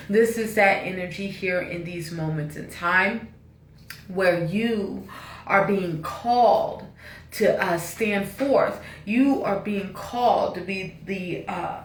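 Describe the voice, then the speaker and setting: A woman giving a casual channeled spiritual message to her viewers, relaxed and repetitive, with a preachy lilt. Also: lowish voice, echoey room, far from the mic, a little hiss or hum. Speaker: spiritual reader.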